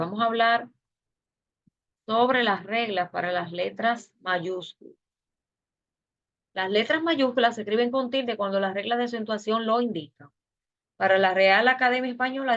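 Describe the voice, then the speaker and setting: A woman's voice: fairly high pitch, moderate pace, fairly bright tone, highs cut off. A woman teacher giving an online class lecture, explaining step by step with fillers and self-corrections. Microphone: video call.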